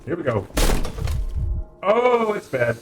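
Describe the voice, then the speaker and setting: Male vtuber streamer, playful gameplay commentary, lively animated pitch, faint music behind. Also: normal speed. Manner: playful, laughing, swearing reactions.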